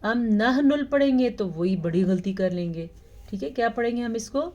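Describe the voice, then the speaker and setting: A woman teaching Quran recitation, explaining pronunciation rules and reciting verses very slowly with drawn-out sounds. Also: medium pitch, animated, mellow, dull audio. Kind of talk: tajweed lesson with slow recitation.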